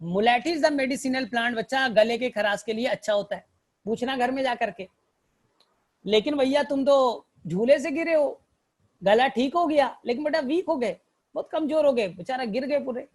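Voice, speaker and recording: A biology teacher with a very high voice tells a story at normal speed to help students remember plant examples, a mnemonic lesson. He fondly calls them "child" and keeps checking, repetitively, that they follow along.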